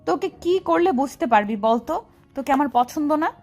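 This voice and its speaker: A woman's voice: sits high, lively intonation, normal speed, soft background music. A woman voicing an angry young woman who harshly scolds and rejects the man pursuing her, in an audio love story. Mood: angry scorn.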